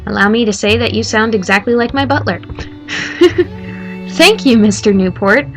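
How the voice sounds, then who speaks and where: A woman streamer reading a story game aloud as the heroine, breaking off for animated, sarcastic commentary. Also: fairly high pitch, moderate pace, music in the background.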